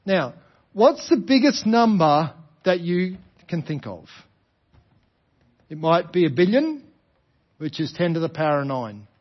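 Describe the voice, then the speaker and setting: An Australian man giving a sermon, explaining a parable with rhetorical questions and deliberate repetition for emphasis. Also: a little high, big pitch swings, highs cut off. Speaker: preacher.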